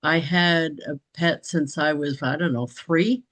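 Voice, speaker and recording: A woman's voice: sits low, fairly even intonation, unhurried, a bit bright, rough recording. A woman chatting casually in a group meeting, rambling along with frequent restarts and light laughter. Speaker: business training participant.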